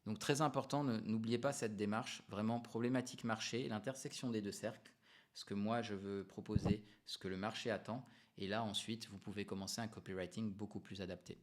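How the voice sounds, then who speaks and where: A man coaching entrepreneurs to camera in a relaxed, unscripted way, explaining ideas with emphatic repetitions and frequent hesitations. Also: on the low side, brisk. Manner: frequent hesitations and self-corrections. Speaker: business coach.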